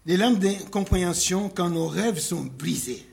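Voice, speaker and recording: A man preaching a sermon at an unhurried pace, his voice sitting a little high for a man. He breaks his points into short phrases with pauses between them and leans on rhetorical questions. When he reads scripture, his delivery slows and turns solemn. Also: lively intonation, gravelly, darkish tone. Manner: reads scripture aloud in a slowed, solemn cadence.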